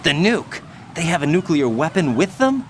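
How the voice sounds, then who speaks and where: A man's voice: on the high side, sing-song, moderate pace. An actor playing a young male special-forces soldier who asks tense, probing questions. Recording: noisy game audio.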